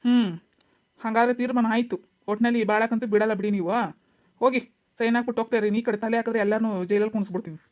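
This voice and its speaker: A woman's voice: fairly high pitch, steady tone, racing, a little mellow, close to an everyday voice. A woman voicing a stern male police officer who scolds and threatens people in a cartoon. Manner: scolding, bossy.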